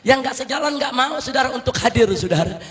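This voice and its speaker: A man preaching a fiery rally sermon as an Islamic preacher, shouting rousing calls to the crowd and often addressing them as brothers. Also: very high-pitched, expressive, fast.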